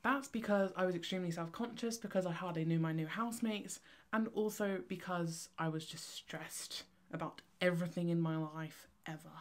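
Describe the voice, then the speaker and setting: A young woman from Cornwall with a Cornish accent, chatting to camera in a fast, chaotic, excitable vlog ramble. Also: fairly low pitch. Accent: Cornish English. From Cornwall, England. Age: young adult. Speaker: vlogger, photography student. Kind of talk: casual vlog chat to camera. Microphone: camera on tripod.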